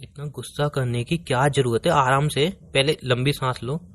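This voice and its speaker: A man playing a boyfriend on a phone call, pleading and trying to calm his girlfriend. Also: mid-range voice, moderate pace, slight background noise. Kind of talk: acted couple phone call.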